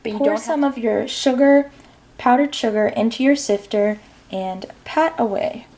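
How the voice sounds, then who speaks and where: Young female cooking vlogger, casual and chatty, voice on the higher side. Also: moderate pace, dark tone. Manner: chatty, talks straight to viewers.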